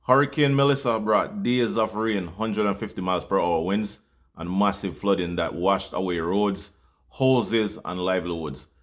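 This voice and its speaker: Jamaican male host, low-pitched, earnest appeal, casual with fillers. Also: normal speed. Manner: heartfelt, loose with fillers. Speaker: channel host.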